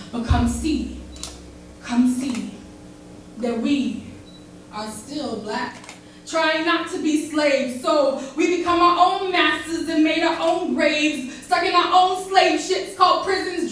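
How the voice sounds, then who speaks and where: A woman's voice: high-pitched, a bit bright, a little hiss or hum. A woman performing spoken word poetry live, with a rhythmic, dramatic delivery that rises and drops. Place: barbershop, live event. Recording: echoey live room recording from far off.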